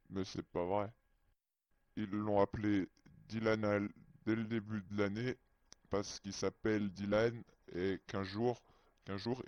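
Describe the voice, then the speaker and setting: A man's voice: on the low side, darkish tone, no echo. A man whose voice is disguised with a voice changer, telling a personal story in a hesitant, childlike way. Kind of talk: halting first-person storytelling. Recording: dry, muffled lo-fi sound.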